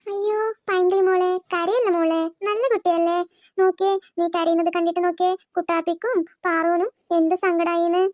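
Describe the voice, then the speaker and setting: A woman voicing a kindly older cartoon aunt who comforts and gently scolds the children. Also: very high-pitched, little pitch movement, a little fast, dry recording, clean studio sound, voice pushed down. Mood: soothing. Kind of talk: cartoon voice acting.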